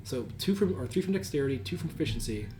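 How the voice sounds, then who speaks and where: A man casually narrating a tabletop role-playing game as game master, animated and joking. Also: medium pitch, fast.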